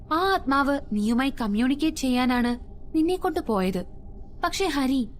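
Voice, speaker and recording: A woman voicing a calm, middle-aged male ghost investigator who explains things in a measured way, in a storybook reading. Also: sits high.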